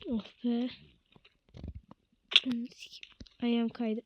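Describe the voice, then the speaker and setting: A woman's voice: a little high, level tone, takes it slowly, very noisy. A woman giving casual gameplay commentary as a streamer, swearing constantly in short blunt exclamations and slangy street talk.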